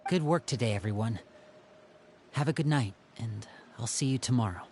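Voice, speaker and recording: A man playing a composed young brother and protective leader in a video game, speaking in a measured, serious way. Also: medium pitch, lively intonation, darkish tone, a little hiss or hum, lightly acted. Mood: resolute.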